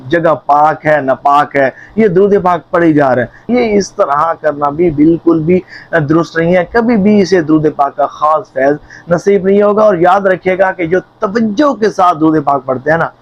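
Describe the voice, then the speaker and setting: A man's voice: high voice, muffled recording. A man preaching earnestly to viewers as a religious speaker, repeating phrases for emphasis.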